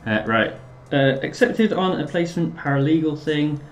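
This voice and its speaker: A man's voice: fairly high pitch, expressive, normal speed, roomy sound, faint music behind. A man live streaming and chatting casually with viewers, hesitant and full of filler words.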